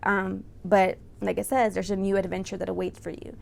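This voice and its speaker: With slight background noise, this tarot-reading host talks a little fast in a gravelly, slightly mellow, medium-pitched voice with level tone. Close to the mic, she gives viewers an informal, chatty reading, often checking in with "right?" and "you know."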